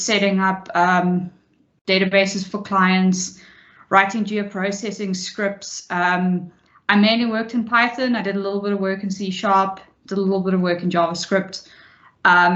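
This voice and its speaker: A young woman in her twenties walks through her career on a panel in a fluent, matter-of-fact way. Her mid-pitched voice comes through a dull, lo-fi video call and rings in an echoey room. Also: a bit bright.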